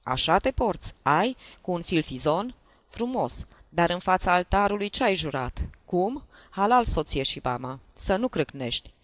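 A man voicing a tipsy, jealous husband who shouts and scolds in an audiobook. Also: high voice, sing-song, no echo, pitched above the performer's own voice. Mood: furious. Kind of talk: audiobook character voice.

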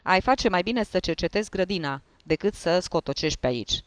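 A man playing an irritable, bossy middle-aged male investigating judge in a read-aloud story. He talks curtly and scolds, his voice slightly high, recorded dry and close. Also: expressive, fairly bright tone, no room sound. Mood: scolding. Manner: curt, scolding.

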